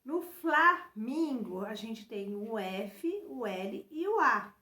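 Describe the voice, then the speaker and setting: Slow, patient Brazilian woman teacher. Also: on the high side, sing-song, a bit bright, echoey room. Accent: Brazilian Portuguese. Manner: slow, patient, spells out syllables and letters; addresses children directly, many fillers like "né" and "então". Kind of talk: remote lesson walking through a workbook.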